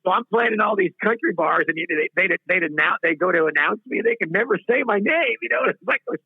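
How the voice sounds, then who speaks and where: A man in his fifties, a singer-songwriter guest in an interview, tells long rambling stories, restarting sentences, interrupting himself and laughing at his own tangents. His high, gravelly voice is animated and quick with a breathy edge. It comes over tinny phone-line audio with no room sound.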